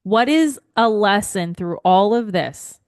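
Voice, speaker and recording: A woman interviewer chats in an informal, supportive way. Her intonation swings in a lively manner, and the sound is dry, with little room around it. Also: mid-range voice, takes it slowly, no room sound. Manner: supportive, informal, frequent affirmations. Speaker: interviewer, host. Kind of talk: casual conversational interview.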